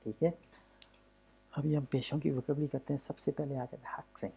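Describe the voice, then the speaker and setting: Male language teacher, gravelly and mellow, patient and repetitive. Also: medium pitch, flat delivery. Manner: patient, repetitive, often says "okay" between points; drawn-out demonstrations of vowel sounds. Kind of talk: explaining a textbook lesson.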